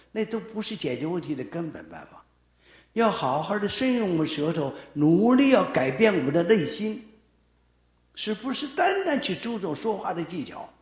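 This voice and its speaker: A man preaching a sermon with an emphatic, animated delivery that swings between raised and lowered phrases. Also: roomy sound.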